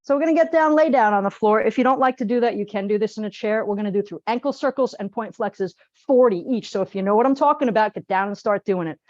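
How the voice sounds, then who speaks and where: A woman teaching a live group exercise class in a lively, chatty, joking and direct way. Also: medium pitch, fast talker, hardly any pauses, dry recording, dull audio. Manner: direct, plain-spoken coaching. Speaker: posture exercise instructor.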